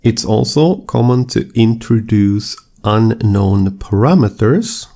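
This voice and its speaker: Male lecturer, low mellow voice, slightly gravelly, measured and explanatory. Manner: measured and explanatory, steady deliberate delivery. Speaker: statistics lecturer. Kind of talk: scripted lecture narration.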